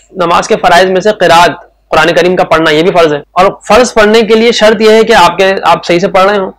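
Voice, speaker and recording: A man giving a spoken religious lesson, explaining points step by step and slowly repeating key words for emphasis. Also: sits high, fairly bright tone. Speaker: religious teacher.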